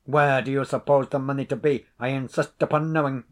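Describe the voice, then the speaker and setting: A man voicing a stern, suspicious laird who speaks in a cold, measured, menacing way. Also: mid-range voice, level tone, a little mellow, close to an everyday voice.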